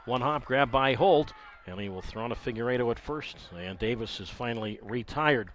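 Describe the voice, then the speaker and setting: A man's voice: medium pitch, animated, normal speed, a bit bright. Man calling baseball play-by-play, wry. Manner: conversational, wry asides, filler "uh" between counts. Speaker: play-by-play announcer.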